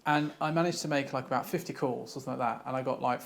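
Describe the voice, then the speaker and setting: Animated, fast-talking man. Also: medium pitch, creaky. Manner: animated, laughing storyteller. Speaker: cyber security director. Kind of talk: casual discussion.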